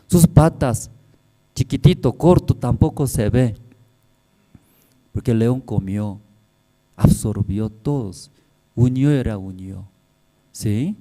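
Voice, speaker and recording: A man's voice: medium pitch, slow pace, long pauses, mellow. A male pastor preaching a sermon in simple, broken phrasing, checking in with the congregation constantly with tag questions.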